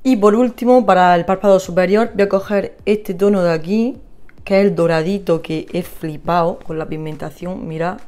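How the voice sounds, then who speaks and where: Mujer española charlando mientras se maquilla. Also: female voice, on the low side, moderate pace, darkish tone. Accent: Spain Spanish. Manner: chatty, gushing, talks to viewers while applying makeup. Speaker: beauty vlogger. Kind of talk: casual makeup tutorial chat.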